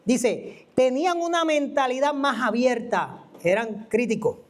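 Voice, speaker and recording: A preacher gives an animated, conversational teaching sermon, asking the listener questions. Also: sits high, unhurried. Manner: animated, asks the listener questions and acts out quoted voices. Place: church.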